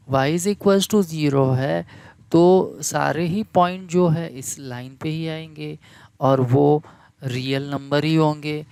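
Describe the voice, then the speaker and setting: A man's voice: a little high, vocal fry, a little mellow, smooth, no room sound. A man teaching a math lecture, repeating key terms and asking the class questions to check they follow. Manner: slow, deliberate delivery. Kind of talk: classroom lecture in Hindi mixed with English terms.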